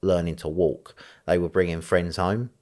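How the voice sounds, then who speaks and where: Deep-voiced East London man. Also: flat delivery, moderate pace, a little mellow. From East End of London, England. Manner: rambling, frequent fillers, laughs easily. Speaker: guest. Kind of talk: conversational interview.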